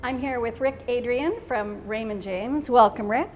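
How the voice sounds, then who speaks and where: A woman's voice: a little high, moderate pace, darkish tone, slight background noise. A woman hosting an interview, friendly and encouraging, with short affirmations. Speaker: interviewer, host. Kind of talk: casual interview chat.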